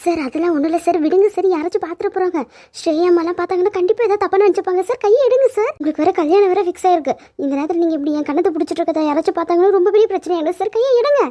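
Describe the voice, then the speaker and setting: A woman's voice: very high voice, racing, warm tone. A woman voicing a shy young housemaid in a cartoon, who keeps pleading and denying that anything is wrong. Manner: earnest, pleading denials. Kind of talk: cartoon dubbing.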